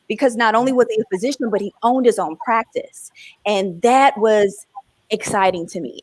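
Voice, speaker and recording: A woman's voice: fairly high pitch, fairly bright tone, dry recording. A woman physician telling her story in a reflective interview answer. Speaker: physician guest.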